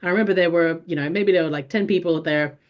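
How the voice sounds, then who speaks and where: A native Finnish woman in her forties speaks as an interview guest, her voice on the low side. She thinks aloud, stopping and restarting her sentences. The audio sounds a little dull and lo-fi. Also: fast talker. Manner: thoughtful, many restarts and fillers. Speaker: guest, behavioral strategy consultant. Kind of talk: casual interview talk.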